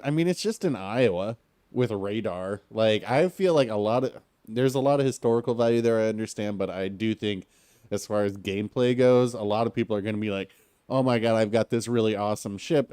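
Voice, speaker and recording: A man's voice: lowish voice, dark tone, clear, resonant tone. A man commentating his own live game stream in a rambling, conversational way with many fillers, sounding stuffy and a little hungover.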